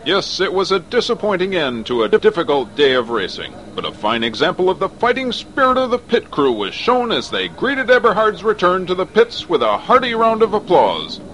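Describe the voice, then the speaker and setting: A man's voice: high voice, huge pitch swings, normal speed, hardly any pauses, a bit bright, rough recording. A man giving an earnest, mock-serious sports news report as announcer.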